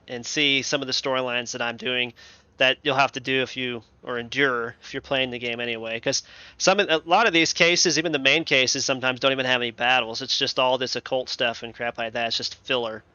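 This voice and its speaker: A man's voice: mid-range voice, fairly even intonation, fairly quick, sharp tone, smooth, no room sound, muffled recording. A young man hosting a let's play, talking casually in a rambling, laid-back way. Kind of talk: casual gameplay commentary.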